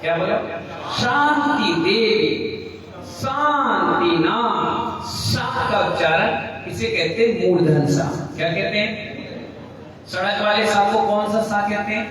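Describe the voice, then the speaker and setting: A man, a Jain monk, leading a slow pronunciation lesson and having his audience repeat each word after him. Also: sits high, fairly even intonation, a bit bright. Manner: slow drilling, asks the audience to repeat words. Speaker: Jain monk teaching a class. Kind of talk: pronunciation lesson with call-and-response. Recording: echoey hall, far from mic, crowd.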